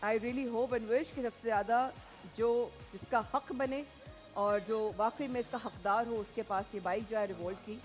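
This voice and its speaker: A woman hosting a prize show on a TV studio set, lively and mixing in English phrases as she directs her guests. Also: a little high, unhurried, soft background music. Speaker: game show host.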